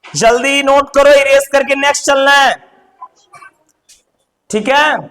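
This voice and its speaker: Young guy teacher, real high bright voice, loud with the class, echoey hall. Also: fairly even intonation. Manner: loud, calls on students and repeats sounds slowly. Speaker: English teacher. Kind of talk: classroom lesson to children.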